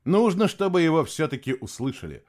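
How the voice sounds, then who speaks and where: A daring young boy, as a man reads him in an audiobook, talking high and fast in urgent bursts. His voice jumps all over as he pleads and shouts. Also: very animated. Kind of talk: audiobook narration.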